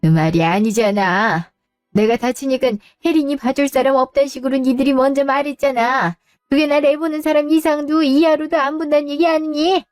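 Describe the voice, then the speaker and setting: A proud, wounded mother in her sixties in a radio drama, sighing and grumbling under her breath. Her voice is dark and mellow and fairly high. It sounds dry, with faint music underneath. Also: lively intonation, measured pace, no echo. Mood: indignant. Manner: sighing, muttering complaints to herself. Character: retired older mother, hurt and proud.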